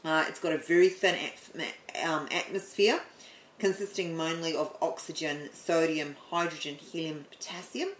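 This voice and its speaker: A woman explaining the planets in a chatty way, then leading a guided meditation with slow, soothing instructions and some stumbles. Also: low-pitched, steady tone, a bit bright, reverberant, a little hiss or hum, low-quality recording. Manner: chatty, apologetic, stumbles over words.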